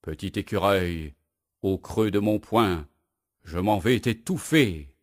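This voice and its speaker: A man voicing a big, blustering male woodcutter with a mustache, shouting indignant outbursts in a children's storybook reading. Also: sits low, slow pace. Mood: vengeful.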